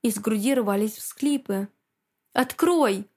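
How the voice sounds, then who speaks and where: A woman's voice: a little high, steady tone, normal speed, darkish tone. A woman reading a first-person audiobook with tense, emotional delivery. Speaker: audiobook narrator.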